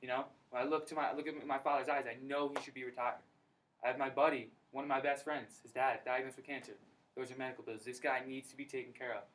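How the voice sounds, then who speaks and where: A young man giving an energetic, slangy personal testimony at a recruiting meeting in a college room. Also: mid-range voice, fast talker. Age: young adult. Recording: distant mic, faint background noise.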